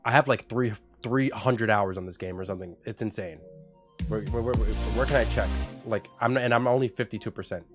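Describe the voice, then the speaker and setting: A man's voice: fairly low pitch, fairly quick, soft background music. A man with a stuffy, congested voice, chatting casually on a live game stream, thanking viewers and rambling with lots of restarts. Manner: thanks viewers by name for subscriptions. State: congested from a cold.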